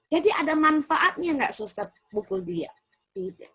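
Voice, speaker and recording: A middle-aged woman speaking to parents at a seminar, her voice set a little higher than most. She talks in a lively way, puts questions to the room and waits for answers. She slips into the voices of the people she quotes. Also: normal speed.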